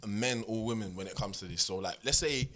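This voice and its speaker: A man's voice: on the low side, brisk, a bit bright. A young man with a London accent, putting questions to friends in a casual slangy debate. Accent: London, urban slang.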